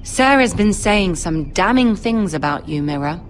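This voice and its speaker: An actress playing a poised, commanding young noblewoman in a video game drama, formal and measured. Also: fairly low pitch, expressive, slight background noise. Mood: regretful, disappointed. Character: poised, commanding young noble lady, betrothed future queen.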